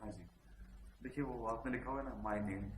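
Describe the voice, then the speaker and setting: A man in a programming class asking the teacher hesitant follow-up questions. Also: fairly low pitch. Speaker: student.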